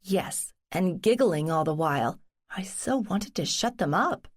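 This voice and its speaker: A woman's voice: fairly low pitch, animated, measured pace. A woman, a cozy mystery narrator, voicing an earnest, wry, determined woman in conversational, explanatory audiobook dialogue. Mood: uneasy recalling.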